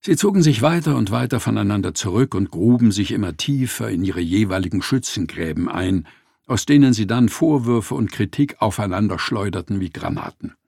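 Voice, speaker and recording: A man narrating a story in a scripted, expressive and wry manner. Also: fairly low pitch, gravelly, slightly rough, dry recording, studio quality.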